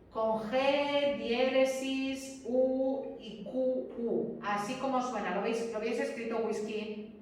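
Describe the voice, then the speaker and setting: A woman lectures a class, her fairly high voice carrying through a very echoey room. She sounds distant the microphone and keeps checking that her students follow. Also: a little hiss or hum. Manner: chatty, peppered with checks for understanding. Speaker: teacher.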